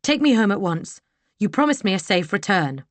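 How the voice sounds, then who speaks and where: A woman's voice: mid-range voice, very animated, normal speed, no room sound, voice pushed up, lightly acted. A woman voicing a proud, defiant young lady with a tense, pleading edge for an audiobook. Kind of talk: audiobook character voice.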